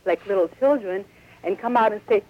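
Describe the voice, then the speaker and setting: A woman's voice: medium pitch, a little fast. Upset woman caller on a phone line. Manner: upset, insistent, speaks in long pressing runs. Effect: heard over a telephone line. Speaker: radio show caller. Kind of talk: calling in to a talk radio show.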